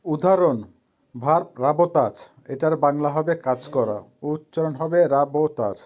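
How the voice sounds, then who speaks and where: Guy teaching a language lesson, kinda high mellow voice, says every word twice. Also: dull audio, a little hiss or hum. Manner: repeats each word slowly for drill.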